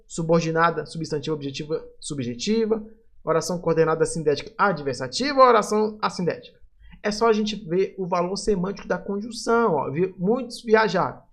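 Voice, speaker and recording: A man teaching grammar on video, working through exam questions in a lively, emphatic way and answering his own questions. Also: high-pitched, brisk.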